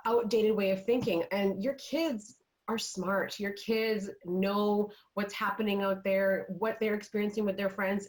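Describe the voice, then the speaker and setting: A woman's voice: mid-range voice, poor audio. A woman on a video call, telling a parenting story earnestly and quoting her own words at length. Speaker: panelist parent. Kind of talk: virtual panel discussion.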